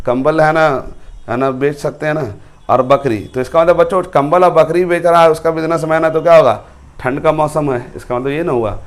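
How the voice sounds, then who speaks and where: A man teaching a chemistry class, playfully quizzing students and slowly chanting memory rhymes. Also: a little high. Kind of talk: classroom lecture with sung mnemonics.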